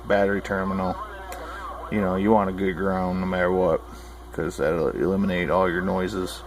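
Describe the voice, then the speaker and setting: A low-pitched man gives casual instructional talk as a radio hobbyist, sounding folksy, blunt and full of opinions. The recording is rough.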